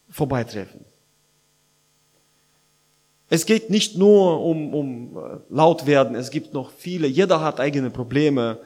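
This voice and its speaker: A man preaching a sermon in a conversational way, full of fillers and restarts, with slightly unidiomatic grammar and bursts of loudness. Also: mid-range voice. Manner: conversational preaching with many fillers and restarts, growing loud at points.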